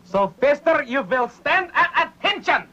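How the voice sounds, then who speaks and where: A man playing a bossy, childlike drill-instructor pal with halting, odd phrasing in a radio comedy sketch. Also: fairly high pitch, expressive, a bit bright. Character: bossy, childlike male drill-instructor buddy in broken English. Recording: dull lo-fi radio recording.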